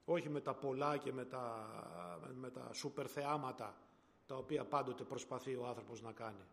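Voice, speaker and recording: A man's voice: mid-range voice, gravelly. A man preaching a sermon in a conversational way that grows emphatic, in a church hall. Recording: long hall reverb.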